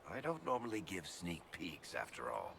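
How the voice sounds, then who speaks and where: An actor playing a wry, teasing male dwarf storyteller in video game dialogue, with a deep gravelly voice. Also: wildly swooping pitch, moderate pace, background noise, exaggerated voice. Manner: teasing, dry humor.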